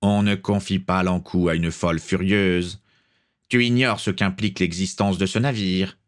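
A man playing a psychotic pirate, cold and deep. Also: steady tone, normal speed, natural voice.

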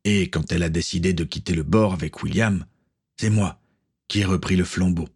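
A man's voice: sits low, fairly even intonation, normal speed, darkish tone, breathy edge. A man voicing a stern middle-aged pirate captain, an uncle who speaks with firm authority.

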